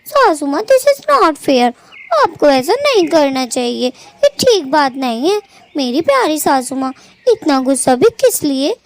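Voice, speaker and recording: A woman's voice: sits high, big pitch swings, measured pace, heavily acted. A woman voicing a sly young bird daughter-in-law in a cartoon, in a sugary, whiny, mock-sweet manner.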